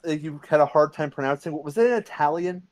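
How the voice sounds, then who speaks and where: A man's voice: fairly high pitch, quick pace, a little mellow. A man chatting casually in a group voice call, making dry jokes. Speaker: community member in voice chat. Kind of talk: casual voice chat.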